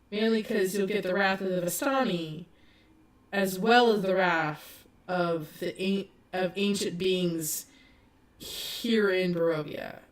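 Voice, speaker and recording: A woman narrating as game master of a tabletop horror game, slow and halting with many restarts. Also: medium pitch.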